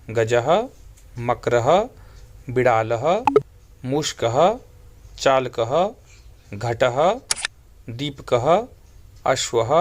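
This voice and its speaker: A man teaching a school lesson, having students repeat words after him and spelling them out slowly piece by piece. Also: mid-range voice. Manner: slow, spelled-out recitation.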